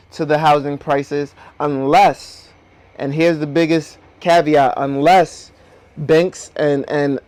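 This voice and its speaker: Hosting a personal finance video, a man with a slightly high voice explains things directly to his viewers. Braces on his teeth slightly hinder his articulation, and the audio is dry with no room echo.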